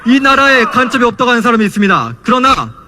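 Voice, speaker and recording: A man's voice: very high-pitched, sing-song, quick pace, bright, forceful tone. A young man delivering an impassioned political rally speech as a student speaker, in a declamatory style. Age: young adult. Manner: impassioned, declamatory rhetorical questions.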